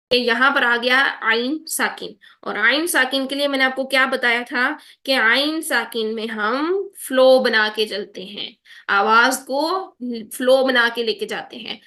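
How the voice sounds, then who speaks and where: A woman teaching Quran recitation in an online lesson, patiently drawing words out slowly to demonstrate and checking in with her students often. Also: a little high, bright, forceful tone. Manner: checks in often with "theek hai?".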